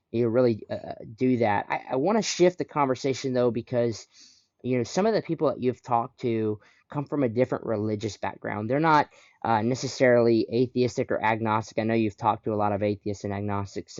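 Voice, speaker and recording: In a mid-range, a little mellow voice with fairly even intonation, a male podcast host talks fairly quickly, affirming his guest and guiding the conversational interview with follow-ups. The lo-fi recording is dry and dull.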